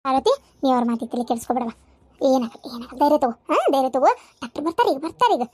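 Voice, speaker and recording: A shrill, nagging older village aunt in a cartoon, voiced by a woman. She has a North Karnataka accent and a very high, piercing voice, and she rattles on at a fast clip. The recording is dry and close. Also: sing-song, darkish tone, slightly rough, dry recording, exaggerated voice. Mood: soothing. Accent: North Karnataka Kannada. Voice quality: shrill, scolding. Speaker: aunt at a childbirth. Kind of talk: cartoon voice acting.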